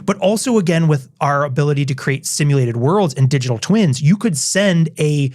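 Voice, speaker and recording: Animated, high-voiced male podcast co-host. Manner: animated, enthusiastic, quick to laugh. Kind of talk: casual improvised conversation.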